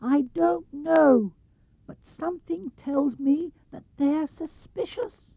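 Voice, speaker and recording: High, earnest Winnie the Pooh. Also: male voice, slow pace, gravelly, dry recording, heavily acted. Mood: suspicious, hushed. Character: earnest, naive, plotting toy bear. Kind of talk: 1970s storybook reading. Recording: muffled vintage cassette or LP sound.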